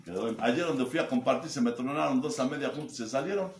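At a recovery group meeting, a sponsor with a Mexico City accent talks fast in a mid-range voice. His testimony is crude, mocking and full of jokes, and he acts out the voices of the people he quotes, swearing freely. The room is echoey, with background noise.

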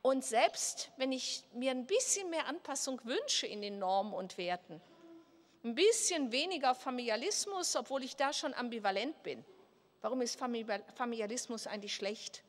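At a lectern in a large hall at a political conference, an older woman professor gives a talk, gesturing and asking herself questions aloud. Her voice is a little high and animated at a moderate pace, picked up by a lectern microphone in a reverberant room.

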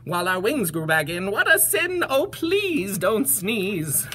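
A woman's voice: mid-range voice, very animated, a little slow, a bit bright, slight background noise, voice pushed up. A woman voicing fussy, worried storybook bees, complaining primly in fretful rhyme. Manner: rhyming, fretful.

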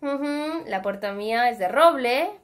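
A woman's voice: fairly high pitch, animated, measured pace. A woman voicing a smug, hardworking piglet who scolds his lazy brothers in a children's story. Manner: scolding, boastful.

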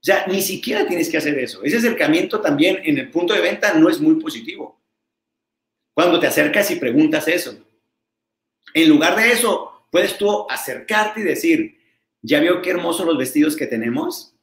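A man with a Mexican accent giving a lively live sales coaching talk, quick and energetic, acting out short exchanges with customers. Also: fairly high pitch. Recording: roomy echo.

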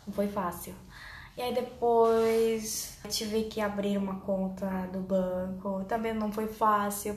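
A woman's voice: medium pitch, darkish tone. A young woman from South Korea with a Korean accent tells her story casually to camera, choosing simple, careful phrases in a second language. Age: young adult. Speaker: vlogger. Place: small bare indoor room. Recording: roomy echo, faint background noise.

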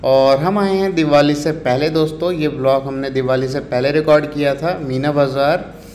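This travel vlogger, a man from India, casually narrates his walk through a busy city night market outdoors, chatty and full of fillers as he mixes Hindi with English. His voice is fairly high and a little mellow, with fairly even intonation at a moderate pace. The recording carries a little hiss or hum and the echo and faint ambience of the street.

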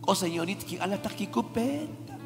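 A woman's voice: mid-range voice, lively intonation, normal speed. Impassioned woman preaching in a reverberant hall. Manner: impassioned preaching, rising to shouts, calls to the congregation. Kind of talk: sermon. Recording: reverberant hall with music behind.

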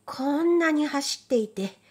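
A woman voicing a cheerful, clever young man in a read-aloud folk tale, with an eager, bright manner. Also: high voice, lively intonation, a little slow, pitched above the performer's own voice.

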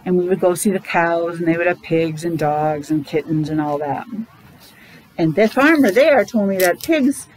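The voice is fairly low and a little mellow, with a bit of hiss or hum on the recording. An older or middle-aged woman teaching preschool or elementary school reads a story indoors to young children, her words a touch muffled by a mask, pausing for chatty explanations and questions.

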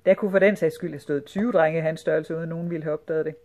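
A woman narrating a children's storybook with a lively, expressive read. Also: sits low, noisy background. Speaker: audiobook reader.

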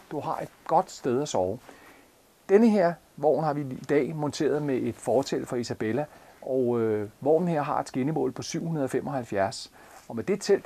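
A man in his forties with a Jutlandic Danish accent, casually showing a caravan from inside, with many fillers and restarts. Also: medium pitch. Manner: relaxed, many fillers and repeats. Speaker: caravan reviewer. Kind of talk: casual product walkthrough.

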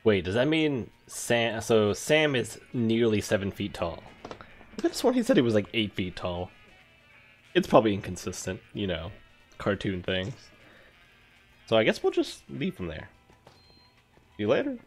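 A man's voice: lowish voice, sing-song, moderate pace, soft background music. A man giving casual, amused, rambling commentary as he streams a game.

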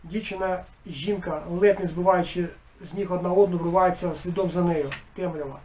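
High-voiced man reading his own novel. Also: fairly quick, a little hiss or hum. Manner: expressive, dropping to a hushed tone in eerie passages. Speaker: author.

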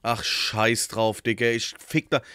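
Male reaction host, slangy and loose, dissects lyrics out loud; dry, close recording. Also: medium pitch, little pitch movement, measured pace, clear, resonant tone, dry recording. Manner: thinks aloud, picks apart lyrics and rhymes; swears casually, slangy. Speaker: host reacting to a rap song. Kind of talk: casual reaction commentary.

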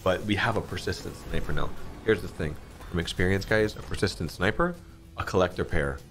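A man in his thirties talks through an online slot session at home in a relaxed, swearing, excitable way. His voice sits very low but spikes up sharply when a spin looks promising. Faint music plays quietly behind him. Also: fairly quick. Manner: excitable, swears a lot, frequent pitch jumps. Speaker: slot streamer. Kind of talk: casual gameplay commentary. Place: dim home streaming room, indoors.

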